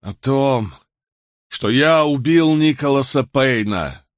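A man's voice: mid-range voice, lively intonation, takes it slowly, no echo, clean studio sound, pitched above the performer's own voice. A man reading an audiobook, voicing a frightened, guilt-ridden older doctor who talks in a trembling, pleading way. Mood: confessing.

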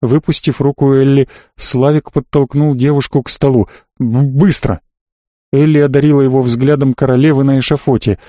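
A man narrating a novel as an audiobook, in a measured, even storytelling manner. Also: mid-range voice, no echo, studio quality. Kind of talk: scripted narration.

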